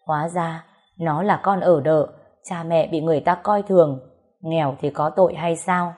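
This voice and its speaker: A woman's voice: low-pitched, steady tone, normal speed, a little mellow. A woman voicing a hurt, bitter young wife. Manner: cold and bitter.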